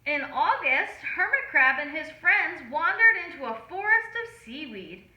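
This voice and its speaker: A woman reading a picture book aloud to children in an animated, deliberate storytelling manner. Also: high voice, muffled recording. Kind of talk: expressive children's read-aloud. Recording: roomy, echoing room.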